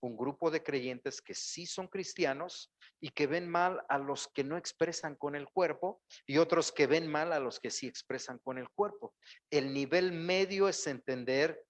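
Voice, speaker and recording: A man's voice: fairly high pitch, measured pace. A man, a pastor preaching a sermon in a church and calling out to the congregation. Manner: preaching with rising exclamations and acted-out quotes. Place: church sanctuary.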